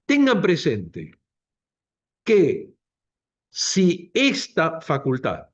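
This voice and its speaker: A man's voice: a little high, huge pitch swings, extremely slow. A man directing a doctoral program, giving an emphatic introductory speech at a book presentation in a university room and repeating key phrases for weight. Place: university lecture room, also streamed to video call.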